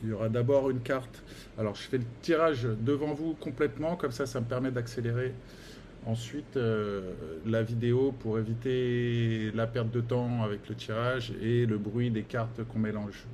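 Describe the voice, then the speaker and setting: A man's voice: medium pitch, steady tone, moderate pace, a little mellow, a little hiss or hum. A man giving a tarot card reading in casual, hesitant speech full of fillers and restarts, encouraging his listeners. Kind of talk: casual spoken guidance.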